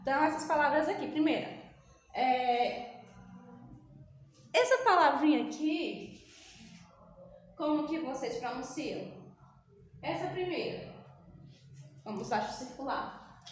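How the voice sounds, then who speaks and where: High-voiced woman teaching in an echoey room. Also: expressive, a little hiss or hum. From Brazil. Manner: patient, repetitive, drills pronunciation slowly. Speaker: English teacher. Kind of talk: recorded online class. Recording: echoey room with faint ambience.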